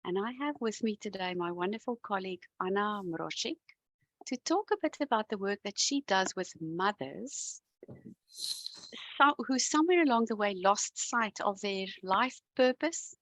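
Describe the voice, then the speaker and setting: A woman's voice: mid-range voice, expressive, unhurried, fairly bright tone, no echo, low-quality recording. A woman hosting an interview, welcoming her guest and asking structured questions. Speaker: podcast host.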